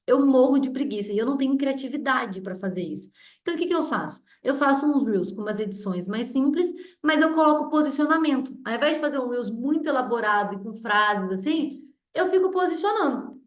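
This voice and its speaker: A woman's voice: sits high, expressive, brisk. A woman in her thirties with a strong voice, chatting directly as she leads a group meeting. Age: 30s. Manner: chatty and direct, with many restarts and tag questions. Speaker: mentor leading a group meeting. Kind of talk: casual teaching talk. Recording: roomy echo.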